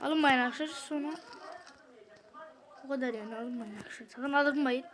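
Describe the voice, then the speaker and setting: A woman's voice: a little high, fairly quick, fairly bright tone. A woman hosting a gaming channel, commenting on a mobile game while venting her exasperation to viewers.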